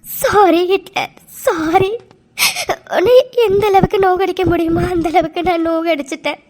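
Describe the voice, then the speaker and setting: A woman voicing a tearful young woman, very high. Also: steady tone, a little fast, darkish tone. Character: Mithu, heartbroken young woman. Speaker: cartoon character. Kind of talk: Tamil cartoon voice acting.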